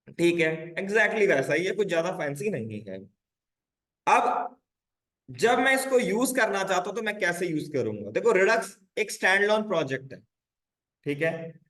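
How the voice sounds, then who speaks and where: A man with a fairly high voice leads a live online coding lesson, mixing English terms into relaxed explanations. He keeps checking in with his students, and the room around him sounds echoey. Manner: casual Hindi-English teaching, frequent check-ins with "bhai". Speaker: coding instructor.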